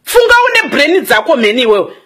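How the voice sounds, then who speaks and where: Zimbabwean woman in her twenties, furious scolding rant, high and animated pitch. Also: a little fast. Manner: fiery, scolding, switching between Shona and English. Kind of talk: angry political rant.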